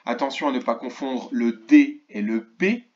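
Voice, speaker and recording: A male teacher records a lesson for young children, stretching out each key word and pausing to ask the absent class questions. His voice sits in a middle range. The recording sounds dull and lo-fi. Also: medium pitch, lively intonation. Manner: slow, clearly articulated, stretches key words. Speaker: primary school teacher. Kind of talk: remote lesson for first graders.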